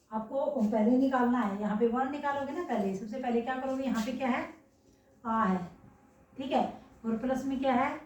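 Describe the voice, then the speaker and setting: A woman's voice: a little high, a little mellow. A young woman teaching a grammar lesson, asking questions and then answering them herself, often saying "okay" to check along. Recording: echoey room, mic far away.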